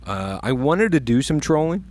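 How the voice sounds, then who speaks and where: A young man co-hosting a podcast, telling a fishing story in excited, profane casual chat, with loud bursts when he quotes himself. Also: mid-range voice, moderate pace. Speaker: podcast co-host.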